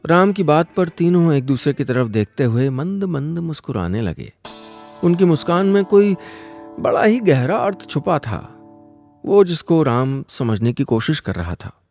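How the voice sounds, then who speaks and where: Expressive male radio storyteller. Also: measured pace, faint music behind. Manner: expressive, playful, shifts pitch for dramatic effect. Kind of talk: scripted radio story narration.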